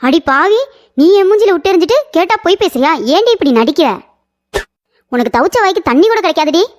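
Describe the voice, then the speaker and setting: A woman voicing a sharp-tongued young wife in a cartoon, answering back quickly. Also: extremely high pitch, lively intonation. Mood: indignant. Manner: mouthy, quick retorts.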